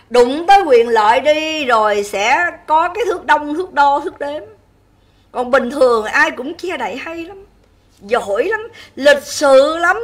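A woman with a high, bright, piercing voice delivers an angry livestream rant. She scolds and insults in a harsh, relentless flow. She keeps turning to her viewers with rhetorical questions, asking whether she is right. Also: distant mic. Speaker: livestream host.

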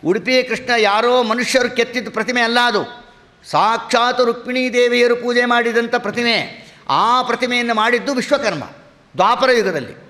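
A man with a Kannada accent giving a devotional sermon, chanting Sanskrit verses slowly between his explanations. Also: very high-pitched, sharp tone, long reverb tail. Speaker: religious discourse speaker.

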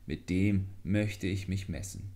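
A man voicing a small, clever male leech in a fairy tale who speaks calmly and lectures. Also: low voice, slow pace. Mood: defiant. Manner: calm, lecturing, mildly scornful.

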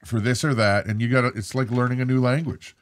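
A man's voice: mid-range voice, fairly even intonation, fast talker. A middle-aged man co-hosting a casual live stream from his living room, reading viewer comments in a playful, showy way. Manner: playful, showy announcer delivery. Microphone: desk microphone on arm.

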